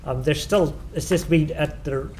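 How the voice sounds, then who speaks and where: With a slightly high but darkish voice, a South African presenter takes audience questions at a tech talk in a conference room, unhurried yet hesitant, with frequent "um"s and restarts.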